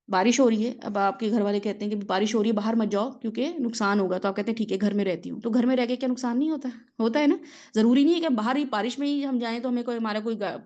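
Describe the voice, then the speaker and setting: Her voice is a little high and warm, and the recording has its highs cut off. She is an adult religious teacher and mother, leading a conversational lesson with patient explanations, everyday examples, and frequent check-ins with listeners.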